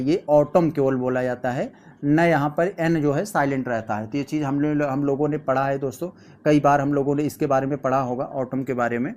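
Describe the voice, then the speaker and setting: Male tutor, slightly high voice, patient step-by-step exam explainer. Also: darkish tone. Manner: explains step by step, reads questions aloud slowly. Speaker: teacher. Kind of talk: exam practice lesson.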